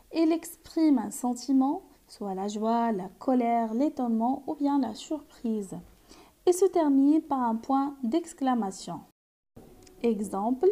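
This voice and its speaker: A woman's voice: sits high, dark tone. A woman teacher giving a grammar lesson, explaining carefully and reading out example sentences.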